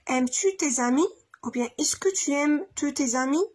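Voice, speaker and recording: A woman with a Moroccan accent teaching a grammar lesson, explaining in one language and repeating in Moroccan Arabic, slowing down to dictate. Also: high-pitched, a little mellow.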